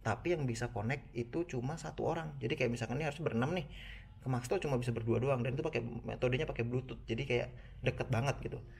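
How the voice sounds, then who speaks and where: Fast-talking with vocal fry, this medium-pitched, slightly mellow man reviews motorcycle gear in a Jakarta Indonesian accent. His tone is conversational and casual as he walks viewers through the product, with music playing behind him.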